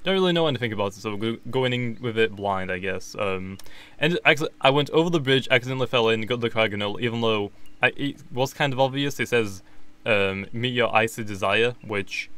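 A man's voice: medium pitch, animated, fairly quick, a bit bright, clear, resonant tone. Man thinking aloud over a game. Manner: thinking aloud, self-correcting. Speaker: gaming YouTuber. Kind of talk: casual gameplay commentary.

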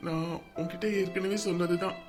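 Reassuring young soldier son, played by an actor. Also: male voice, sits high, little pitch movement, normal speed, music in the background, natural voice. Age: young adult. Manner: gentle, reassuring. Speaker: son leaving for the army. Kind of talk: family drama acting.

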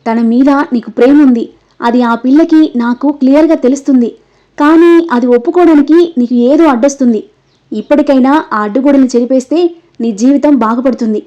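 A woman reading the part of a young man who pleads with and scolds his best friend in a high, mellow voice, on a dull, lo-fi recording. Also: fairly quick, close to an everyday voice. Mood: urging. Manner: emotional, scolding outbursts.

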